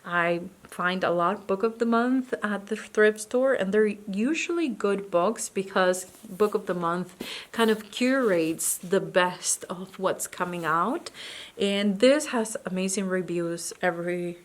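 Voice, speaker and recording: Chatty woman book vlogger. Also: mid-range voice. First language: not English. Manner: chatty, slightly halting, searches for words. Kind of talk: casual chat about books.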